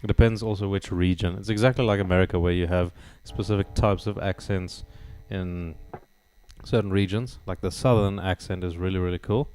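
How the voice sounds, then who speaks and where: Deep voiced guy streaming from his home studio, laid back chat with viewers, laughs a lot. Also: steady tone, fairly quick, a little mellow, a little hiss or hum. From South Africa. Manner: chatty, laughs often. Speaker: livestreamer. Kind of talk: casual livestream chat with viewers. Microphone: studio dynamic microphone.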